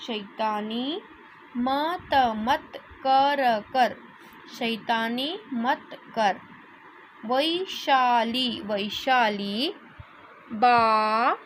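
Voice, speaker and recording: Slow, careful female reading teacher. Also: on the high side, a bit bright, slight background noise, rough recording. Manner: reads words syllable by syllable, slow and deliberate, then explains quickly. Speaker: primary school teacher. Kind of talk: reading lesson for young children.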